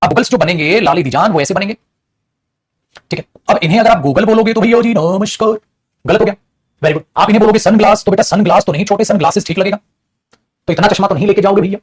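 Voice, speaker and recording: A man teaching English grammar in an animated, teasing classroom style, often calling his students "beta". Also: high voice, quick pace, husky. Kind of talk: lively classroom lecture. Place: studio.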